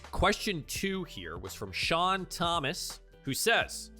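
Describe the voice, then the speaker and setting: His voice is fairly high, very animated, bright and forceful, and he takes his time. This professional dungeon master offers advice in a casual livestream chat with soft music underneath, repeating himself emphatically for stress.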